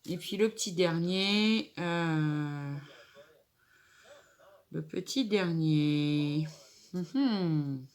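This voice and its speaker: Stuffed up from a cold, a female craft vlogger works on a table decoration and muses aloud in a casual tutorial. Her nasal voice sits fairly low, and she talks very slowly, pausing often.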